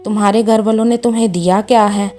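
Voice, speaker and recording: A woman's voice: medium pitch, steady tone, warm tone, soft background music, lightly acted. A woman voicing a harsh older mother-in-law who scolds and belittles her daughter-in-law. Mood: scolding. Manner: scolding, contemptuous.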